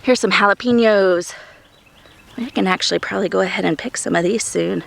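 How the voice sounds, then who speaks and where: A woman in her thirties walks through her vegetable garden outdoors, chatting eagerly as she points things out. Her voice has a gravelly, creaky edge and sits at a middle pitch. She is a little out of breath from the heat. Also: brisk, a little hiss or hum. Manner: chatty, enthusiastic, thinking aloud. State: hot and breathing heavily. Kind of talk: casual garden tour vlog.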